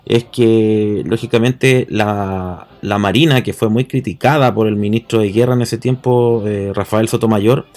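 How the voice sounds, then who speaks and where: A man's voice: fairly low pitch, fairly even intonation, measured pace, hardly any pauses, a little mellow. A man with a Chilean accent explaining history in casual talk, often checking agreement with tag questions. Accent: Chilean Spanish.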